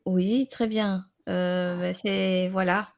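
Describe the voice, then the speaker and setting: Gravelly-voiced woman hosting a live chat. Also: mid-range voice, little pitch movement. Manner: halting, repeats words as she searches. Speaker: host of an open-line internet radio show.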